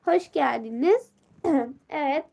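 A teenage girl hosts a casual live stream from her phone, greeting viewers by name and reading their comments aloud. Her voice sits high, but a sore throat and a blocked nose leave it worn and stuffy. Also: animated, takes it slowly, vocal fry, warm tone.

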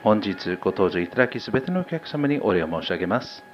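A man working as a flight attendant, reading a formal announcement over an airliner's cabin loudspeaker, with small slips. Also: on the low side, big pitch swings, rapid-fire. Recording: muffled PA with faint cabin hum.

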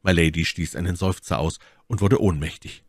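A man reading a classic novel aloud as a narrator, with expressive, dramatic narration. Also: sits low, moderate pace, no room sound, studio quality. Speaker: audiobook narrator.

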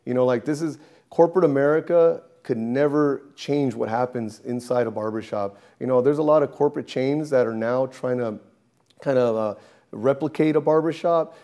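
Man, barber, 30s, mellow tone, animated storytelling, barbershop interview. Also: mid-range voice, moderate pace. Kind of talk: documentary interview.

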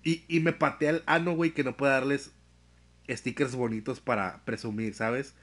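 A young man with a Mexican accent, chatting casually on a live stream, full of slang and swearing, telling stories with animated energy. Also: mid-range voice, moderate pace. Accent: Mexican Spanish.

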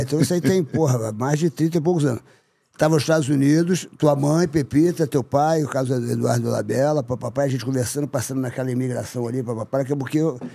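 Excitable male podcast host, quick and gravelly, slangy. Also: medium pitch. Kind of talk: casual chat.

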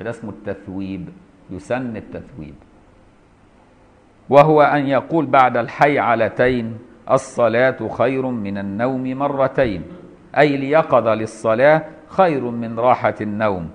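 A middle-aged man with an Egyptian Arabic accent teaching an Islamic jurisprudence lesson, switching between formally reading a text and lively colloquial explanation, checking in with his students. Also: medium pitch. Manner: asks students rhetorical checks. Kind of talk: classroom lesson on a commentary text.

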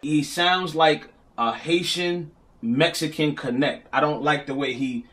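A man's voice: on the high side, measured pace, a bit bright. Man giving mocking casual commentary. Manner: mimics and repeats words for laughs.

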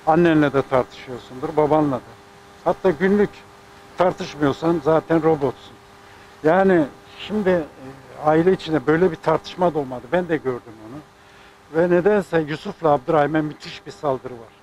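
A man's voice: on the high side, normal speed, darkish tone, slight background noise, rough recording. Indignant older man with a raised voice. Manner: indignant, rambling, emphatic. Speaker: sports club president. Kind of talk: press statement.

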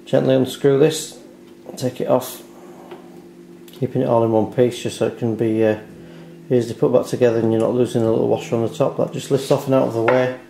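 A man's creaky, warm voice of medium pitch guides listeners through a hands-on repair, step by step and without hurry, though his flat delivery moves a little fast. He's at a dining table in a home; the track has a roomy echo, steady hiss, and handling clicks.

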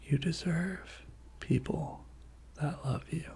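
A person giving a whispered pep talk in soft, breathy ASMR style, repeating short encouraging phrases. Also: mid-range voice, slow pace.

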